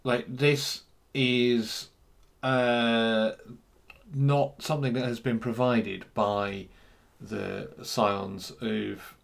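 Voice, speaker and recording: A man giving an unscripted talk on software freedom, hesitant and full of fillers and restarts. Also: medium pitch, steady tone, drawn-out words, creaky. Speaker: speaker on free software.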